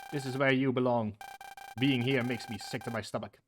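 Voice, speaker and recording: A man's voice: mid-range voice, brisk, slight background noise, pitched below the performer's own voice, natural voice. A man voicing an aloof, cold-hearted boy rival from a video game, speaking in a curt, dismissive way. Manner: curt, dismissive, flat delivery.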